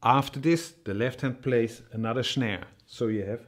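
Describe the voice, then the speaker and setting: A man teaching a cajon rhythm, explaining slowly and patiently with many fillers and spoken drum sounds. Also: mid-range voice, loud music behind the voice. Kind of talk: music tutorial.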